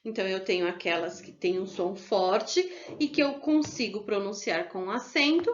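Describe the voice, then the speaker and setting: A woman's voice: medium pitch, moderate pace. A woman teaching a primary school lesson over slides, explaining patiently and often checking in with her pupils. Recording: dull lo-fi home recording.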